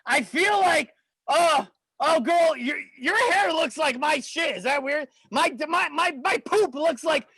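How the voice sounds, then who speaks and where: Man putting on gravelly sleazy wrestler. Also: extremely high pitch, expressive, a little slow, bright, forceful tone, no room sound, voice pushed up, exaggerated voice, rough recording. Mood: rowdy crude. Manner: rowdy, crude, rambling and stammering. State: tipsy from shots. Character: crude drunken sleazy male wrestler persona.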